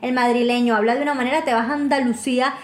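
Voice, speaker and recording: A woman's voice: sits high, steady tone, quick pace. A woman from Venezuela with a Venezuelan accent, chatting casually and gushing with enthusiasm. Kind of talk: casual chat. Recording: echoey room.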